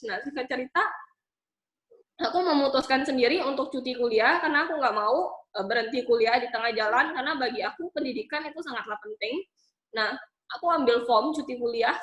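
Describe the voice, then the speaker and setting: A woman's voice: high-pitched, fast, a bit bright, echoey room, low-quality recording. A woman in her twenties from Bangka, Indonesia, telling her life story with emotion and many fillers. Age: 20s. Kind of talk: personal testimony talk.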